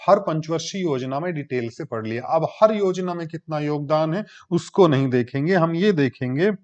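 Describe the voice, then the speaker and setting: A man giving a classroom lecture, explaining step by step and answering his own questions. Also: fairly high pitch. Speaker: teacher. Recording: dull lo-fi recording.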